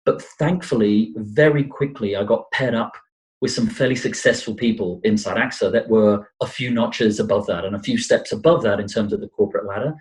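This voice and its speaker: A man's voice: on the low side, fairly quick, poor audio. A middle-aged man from Brazil, a financial planner interviewed as a podcast guest, talking in a self-deprecating, rambling way with many restarts. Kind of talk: conversational interview.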